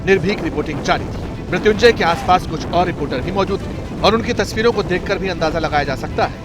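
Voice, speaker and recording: A man's voice: sits high, quick pace, loud music behind the voice. A man reading a scripted news voice-over in an emphatic, theatrical way. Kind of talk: dramatic scripted news narration.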